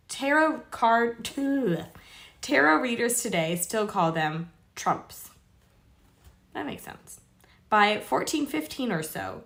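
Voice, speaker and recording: Reading aloud to her viewers on a casual stream, this woman has a medium-pitched, slightly bright voice. She's informal and swears freely, trips over longer words, and tosses in chatty side comments.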